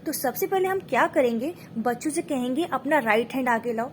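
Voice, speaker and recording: A woman with a high, light voice gives a patient instructional lesson. She explains each step, slows down to sound out syllables one by one, and keeps checking in with her listeners. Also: animated, slight background noise. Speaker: teacher and mother. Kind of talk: instructional lesson for parents and teachers.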